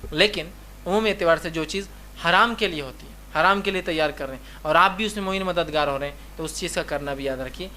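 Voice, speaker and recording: A man's voice: on the high side, pushed and bright, a little hiss or hum. A male Islamic lecturer teaching in a conversational way, asking rhetorical questions and repeating his reminders often. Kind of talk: religious lecture.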